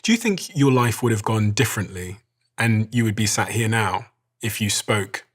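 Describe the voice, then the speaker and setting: Husky low-voiced male host. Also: lively intonation, normal speed. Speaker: podcast host. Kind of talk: interview conversation.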